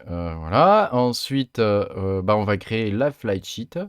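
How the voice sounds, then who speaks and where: A man from France with a fairly low voice explains software steps in a relaxed, halting way, filling pauses as he clicks through menus. The sound is dry and close, with no room around it. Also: clear, resonant tone, dry recording. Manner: hesitant, many fillers, talks while clicking. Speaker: crypto mining tutorial host. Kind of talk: casual screen-recorded tutorial.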